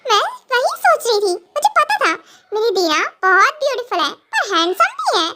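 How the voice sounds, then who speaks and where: A woman's voice: very high-pitched, animated, moderate pace, sharp tone, slight background noise, full character voice. A woman voicing a bubbly, naive young wife in a fan audio drama, giggling and whining in a childlike way. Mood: giggly, whiny.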